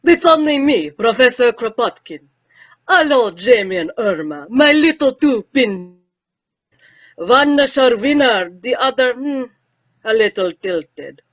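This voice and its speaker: Woman as Professor Kropotkin, a bright, animated old joker. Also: on the high side, unhurried, dry recording, highs cut off. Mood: jovial, teasing. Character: jocular, teasing old male professor. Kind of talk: old-time radio comedy acting.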